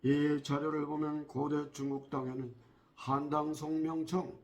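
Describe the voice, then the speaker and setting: A man delivers a spoken history lecture in a measured way, frequently pausing on drawn-out fillers and putting rhetorical questions to his listeners. His voice is on the high side with little pitch movement.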